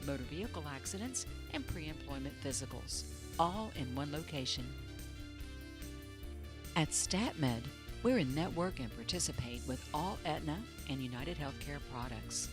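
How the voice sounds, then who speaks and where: A woman narrating a scripted promotional infomercial in a polished, measured sales-pitch manner. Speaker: commercial voice-over announcer. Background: music bed.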